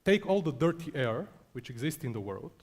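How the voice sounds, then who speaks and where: Man from bulgaria, founder telling a self-mocking story on stage, slightly high voice. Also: very animated, normal speed, darkish tone, husky. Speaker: startup founder presenting. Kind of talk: conference talk.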